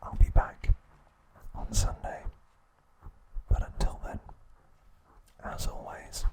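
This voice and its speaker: Keeping his voice entirely unvoiced, a male ASMR host narrates a script in a soft whisper, measured and soothing like a bedtime story. The recording is rough.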